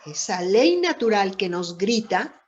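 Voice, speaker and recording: A woman giving a reflective Bible lesson, speaking deliberately with many pauses and rhetorical questions. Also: medium pitch, big pitch swings. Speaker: Bible teacher. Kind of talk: slow, reflective Bible teaching. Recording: dull lo-fi recording.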